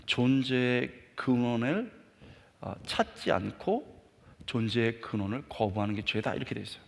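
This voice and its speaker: A middle-aged man preaching a sermon and telling a personal story, acting out his younger self shouting in anger. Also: mid-range voice, lively intonation, moderate pace, vocal fry. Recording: long hall reverb.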